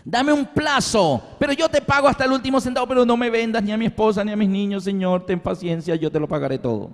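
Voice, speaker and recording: Man doing a frantic debtor begging his master, high and pleading, echoing big hall. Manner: pleading, rushed. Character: desperate male debtor servant begging his king. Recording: long hall reverb.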